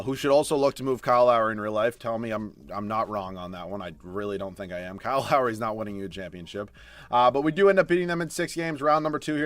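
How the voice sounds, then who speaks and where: A young man talks through his basketball video game in a casual, chatty way at a middle pitch. His voice jumps between quiet grumbles and loud shocked outbursts, and he often swears. The sound is dry and close, with no room around it. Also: dry recording. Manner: excitable, swings from mutters to loud outbursts, swears. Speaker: gaming streamer. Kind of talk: casual gameplay commentary.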